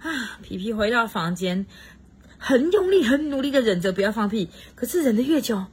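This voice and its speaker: A high-pitched woman with a husky, breathy edge reads a picture book aloud to a child at home. She leans into the story with lively swoops of voice and breaks off to ask the child questions. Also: normal speed. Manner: expressive, swoops up for excitement, chats with the child. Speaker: parent reading to a child. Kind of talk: animated storybook reading.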